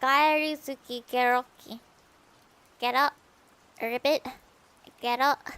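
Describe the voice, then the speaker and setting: A woman voicing a nervous frog streamer girl who croaks after her sentences, with a high voice. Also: fairly even intonation, takes it slowly, pushed and bright, heavily acted. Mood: nervous, playful. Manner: tacks "ribbit" onto sentences.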